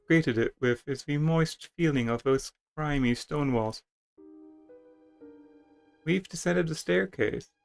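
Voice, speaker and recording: A gamer and streamer with a slightly high, gravelly voice reads a video game's text aloud with theatrical flair. He stumbles over the written words and tosses in casual commentary as he plays.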